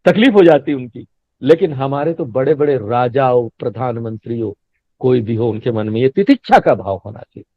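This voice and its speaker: At a normal speed and in an animated, medium-pitched voice, a swami delivers a chatty Hindi spiritual discourse, often laughing and asking his listeners questions. The lo-fi audio is dull and dry with no room sound.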